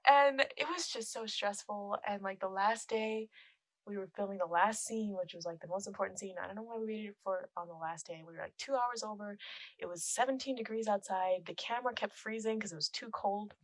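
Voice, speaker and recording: Speaking a little fast at a medium pitch, this young film composer and musician is a relaxed, chatty podcast guest with a soft, quiet voice, frequent laughter and plenty of "like." The close-miked recording is dry with no room around it, and the audio quality is poor.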